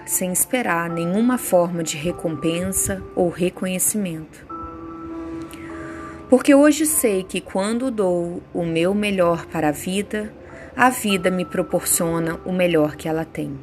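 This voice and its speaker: Soothing, slow-paced woman guiding meditation. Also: fairly low pitch. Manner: slow, soothing, unhurried delivery with pauses. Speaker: meditation guide. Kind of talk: guided meditation with affirmations. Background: soft background music.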